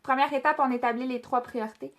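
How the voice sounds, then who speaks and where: A woman's voice: high-pitched, steady tone, fast, a bit bright. A woman with a Québécois French accent leading a casual product training, chatty, with many fillers and restarts as she speaks directly to her trainees.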